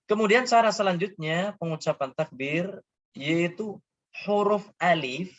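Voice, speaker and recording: A man teaching an Islamic prayer lesson, stretching out chanted words to show right and wrong pronunciation and asking questions he then answers himself. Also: on the high side. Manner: drawn-out chanted demonstrations of correct and wrong pronunciation. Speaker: religious teacher. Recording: dull lo-fi sound.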